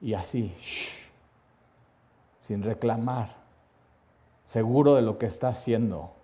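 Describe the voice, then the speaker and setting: Dramatic preacher, mellow voice. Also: male voice, mid-range voice, slow. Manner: dramatic storytelling that swings from hushed to loud, with repeated lists. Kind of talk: sermon.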